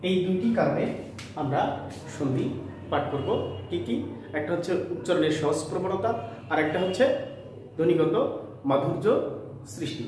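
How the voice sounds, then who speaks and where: A man teaching a school grammar lesson, repeating key phrases slowly and pausing with fillers. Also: a little high, darkish tone. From Bangladesh. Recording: echoey room from far off, faint noise.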